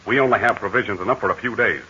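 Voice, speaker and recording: Captain Midnight, calm aviator hero. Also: male voice, lowish voice, rapid-fire, a little hiss or hum. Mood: steady. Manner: calm, assured, commanding. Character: brave steady male aviator hero, middle-aged. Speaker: radio serial actor. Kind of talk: 1940s radio acting. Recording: dull lo-fi 1940 radio transcription.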